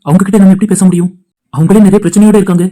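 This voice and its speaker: A man's voice: high voice, fairly even intonation, rapid-fire, mellow, close to an everyday voice. A man voicing a worried cartoon father who talks anxiously to himself about his lost daughter. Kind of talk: cartoon voice acting.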